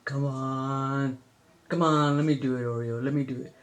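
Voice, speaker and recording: A woman voicing a pushy little critter that wants its turn, in a lower, gruff voice. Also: steady tone, moderate pace.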